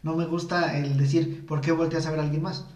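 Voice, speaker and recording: A Mexican man talks candidly in a loose, slangy way, laughing often. His voice sits a bit high for a man. It sounds roomy and a little away from the mic. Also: little pitch movement, brisk, a little mellow, recorded from a distance. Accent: Mexican Spanish. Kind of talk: casual chat. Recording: echoey room, a bit off-mic.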